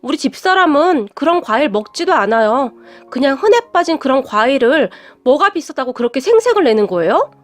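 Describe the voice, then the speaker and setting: A woman's voice: high-pitched, sing-song, fairly quick, faint music behind. A woman voicing an angry, blunt young husband in a storybook tale. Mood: scornful. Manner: blunt, shouting.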